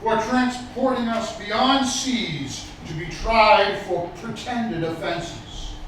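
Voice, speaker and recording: A high-voiced man recites formally, far from the microphone in a very reverberant space. His oratory is lofty and stately, set out with deliberate pauses, and a faint noise sits behind it. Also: fairly bright tone. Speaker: public reader at a commemorative event. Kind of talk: formal public recitation of a historical declaration. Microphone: distant microphone. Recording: distant, very echoey, some background noise.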